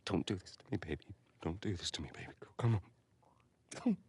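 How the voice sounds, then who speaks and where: A man's voice: sits low, expressive, a little fast, a little mellow, a little hiss or hum. An actor playing a grieving father who pleads desperately over his dying daughter in a video game scene. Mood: pleading. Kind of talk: video game cutscene acting.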